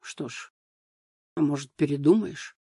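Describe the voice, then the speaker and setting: A man voicing a weary, passive young husband in an audiobook, speaking flatly and tiredly. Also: fairly high pitch, a little slow, husky, dry recording, studio quality. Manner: flat, tired, indifferent.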